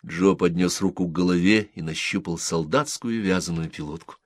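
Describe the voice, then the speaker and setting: A man reading a short story aloud as an audiobook narrator, with even, expressive delivery. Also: low voice, normal speed, no room sound.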